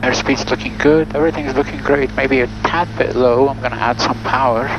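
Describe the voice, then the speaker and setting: A man's voice: mid-range voice, fairly even intonation, brisk. A man piloting a small plane, talking himself through each step and making radio calls. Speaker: student pilot flying solo. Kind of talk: cockpit self-narration with radio calls. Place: small plane cockpit in flight. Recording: dull cockpit audio, clear engine noise.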